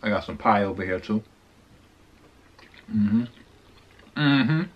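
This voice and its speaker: A man's voice: fairly low pitch, animated, slow, slight background noise. A man in a casual eating vlog, chewing with his mouth full and humming over his food in a laid-back, slangy way. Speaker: mukbang vlogger. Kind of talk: casual chat while eating. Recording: dull lo-fi sound.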